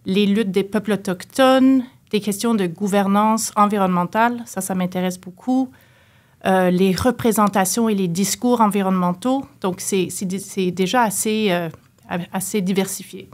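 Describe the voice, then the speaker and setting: A Canadian woman professor speaks as a guest in an academic interview. She talks thoughtfully and hesitantly, with frequent pauses and fillers. Her voice sits at a middle pitch.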